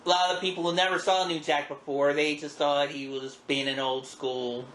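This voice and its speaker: A man's voice: a little high, little pitch movement, moderate pace, fairly bright tone. A middle-aged man hosting a podcast, chatting casually and reminiscing in a folksy, wry, self-deprecating way. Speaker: podcast host. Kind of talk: casual chat, reminiscing about wrestling. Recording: roomy echo with background noise.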